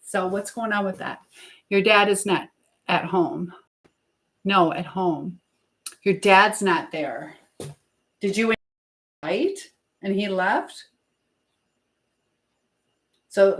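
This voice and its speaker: A medium-pitched woman talks slowly and pauses often while cooking in her kitchen during a relaxed live chat. As host, she gives advice in a chatty way, reading out viewer messages and asking about them, and the room sounds echoey with noise behind her.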